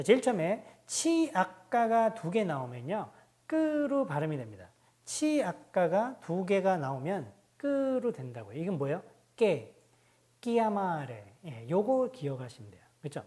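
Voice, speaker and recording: Lively, mellow-voiced woman teacher. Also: on the low side. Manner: explanatory, repeats example words slowly. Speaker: language teacher, book author. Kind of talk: pronunciation lesson.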